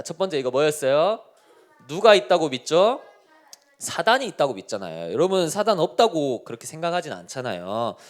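A male pastor giving a sermon to children, speaking in a lively way and constantly asking them questions. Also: a little high.

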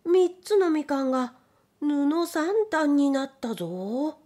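Lady reading as a bright eager young guy in an old folk tale, slow and lively. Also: sits high, pitched above the performer's own voice, exaggerated voice. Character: cheerful clever young man.

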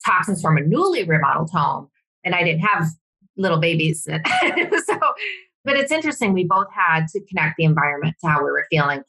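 A woman's voice: sits low, bright, forceful tone, poor audio. A woman co-hosting a podcast, chatty and engaged in a casual interview. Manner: chatty, quick to laugh along. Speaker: podcast co-host.

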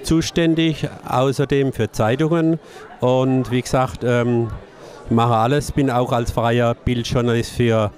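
A middle-aged man in his fifties, a local photographer, answering interview questions plainly at a restaurant party, a bit halting. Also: mid-range voice, steady tone, darkish tone. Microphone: handheld microphone.

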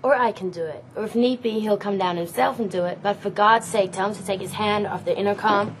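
Exasperated sister, acted by a woman, blunt, commercial scene, mid pitch, noisy recording. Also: steady tone, a little fast, lightly acted.

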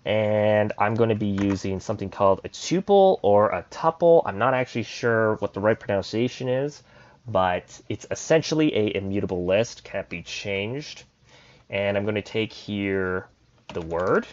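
A man's voice: on the low side, moderate pace, highs cut off. A man casually explaining code in a screen-recorded programming tutorial, thinking aloud as he types.

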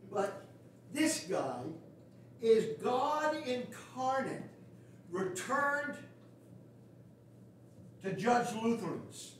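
An older pastor preaches a blunt, folksy, sarcastic sermon in a small wooden church sanctuary, his very high voice very animated, very slow and full of pauses. A far camera at the back of the pews records the echoey room, with slight background noise.

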